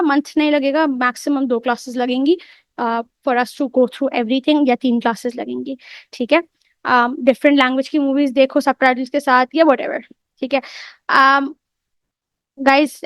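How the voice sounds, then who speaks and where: A woman's voice: sits high, fairly even intonation, moderate pace, a bit bright, no room sound. A young woman, teaching English in a casual online lecture. She mixes English into Urdu and often checks in with the class. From Pakistan.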